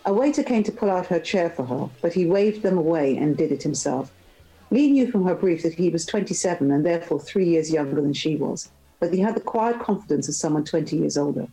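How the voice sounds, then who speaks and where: A woman author reading a passage of her novel aloud in measured narration. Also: on the low side, expressive, warm tone, low-quality recording.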